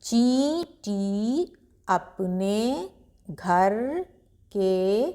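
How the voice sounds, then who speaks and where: A woman teaching beginners to read Hindi, sounding each word out slowly before explaining it briskly. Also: mid-range voice. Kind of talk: slow syllable-by-syllable reading lesson.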